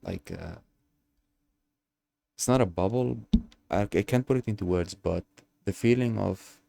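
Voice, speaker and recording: A young man from Algeria telling his own story in a casual monologue, pausing often and hunting for words. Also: low voice, gravelly, mellow, no room sound. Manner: hesitant, searching for words with many fillers. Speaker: channel host.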